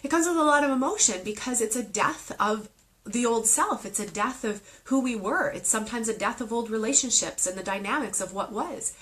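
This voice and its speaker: A woman's voice: on the high side, animated, brisk, fairly bright tone, rough recording. A woman in her thirties giving an earnest, emotional spiritual talk on a live video stream, then leading a guided meditation. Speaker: meditation teacher. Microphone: phone or webcam on a live video stream.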